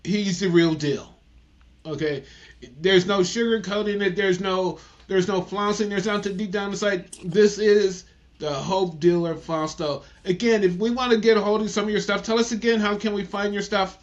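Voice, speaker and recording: A man's voice: high voice, fairly even intonation, moderate pace, lo-fi sound. A man hosting a podcast interview, talking enthusiastically and addressing the listeners as folks. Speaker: podcast host. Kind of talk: casual interview.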